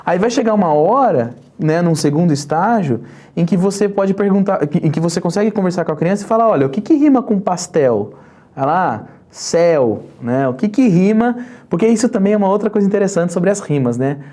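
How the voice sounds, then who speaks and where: A podcast host with a mellow, darker tone speaks in a halting way, full of fillers and restarts. The host leads the guest along with careful questions. The pitch sits in the middle range. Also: animated. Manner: hesitant, many fillers and restarts, asks guided questions. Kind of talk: conversational podcast interview.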